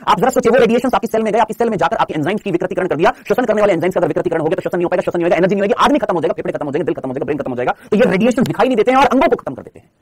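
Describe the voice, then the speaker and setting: A man gives a fast lecture in a high, husky voice, and his pitch swings widely. He keeps firing questions at his class and answering them himself in a repetitive coaching tone. The sound is close and dry. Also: dry recording. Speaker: teacher.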